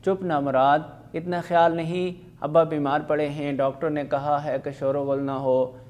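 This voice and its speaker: Man doing a cranky housewife, scolding loud and sharp, a bit high-pitched, school play reading. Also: flat delivery, close to an everyday voice. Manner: sharp scolding, voice pushed up and louder. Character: scolding middle-aged housewife, fussy and short-tempered.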